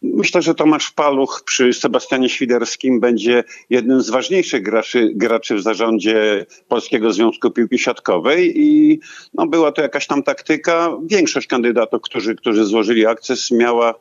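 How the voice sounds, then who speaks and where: A man's voice: medium pitch, moderate pace. Hesitant man answering on dull audio. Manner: hesitant, many fillers and repeated words. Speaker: volleyball association delegate. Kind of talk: interview answers. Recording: dull lo-fi sound.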